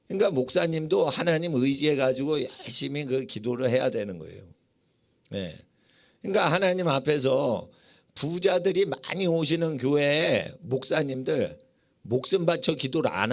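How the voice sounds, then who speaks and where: A male pastor giving a sermon in a church, emphatic, often asking the congregation questions and answering them himself. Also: mid-range voice. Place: church sanctuary.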